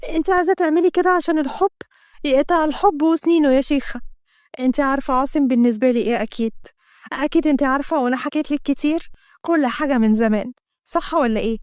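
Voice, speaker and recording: A woman's voice: sits high, rapid-fire, a little mellow, dry recording, clean studio sound, close to an everyday voice. A woman doing a worried, protective friend. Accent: Egyptian Arabic. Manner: soothing, worried. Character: protective female office friend.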